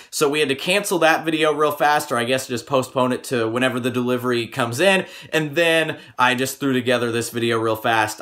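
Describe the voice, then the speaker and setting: A man's voice: a little high, fairly bright tone. A man in his twenties talking to camera as a vlog host, recorded in a small room at home. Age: 20s. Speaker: video host.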